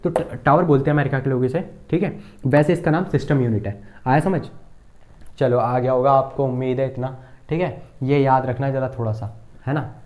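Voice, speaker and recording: A man's voice: medium pitch, fairly even intonation, moderate pace, a little mellow. A man teaching a computer lesson at a board, asking the class questions and repeating key terms with frequent checks.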